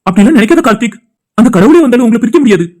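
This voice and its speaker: A voice actor playing a calm young man in a cartoon who reassures his worried friend in a soothing way. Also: medium pitch, very fast, faint music behind, lightly acted. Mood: reassuring. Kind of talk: cartoon voice acting.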